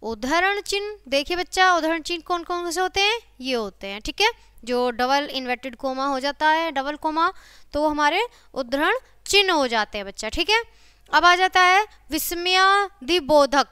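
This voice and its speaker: A young woman teaches a grammar lesson to children in a high, bright voice. She checks in with her students again and again, repeating key words slowly. The sound is close and dry. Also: expressive, no room sound. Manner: repeats phrases, frequent check-ins with students.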